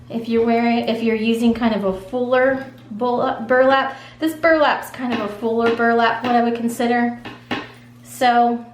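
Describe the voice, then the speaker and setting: A woman with a fairly high voice talks viewers through a craft project in a relaxed, chatty way. Her voice rings in an echoey room, with a faint hum underneath. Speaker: craft tutorial host. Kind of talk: casual step-by-step craft demonstration.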